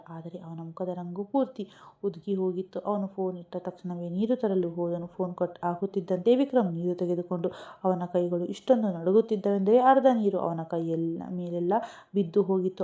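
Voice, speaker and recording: A woman storyteller reading an emotional story in a soft, unhurried way. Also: fairly low pitch, dull audio.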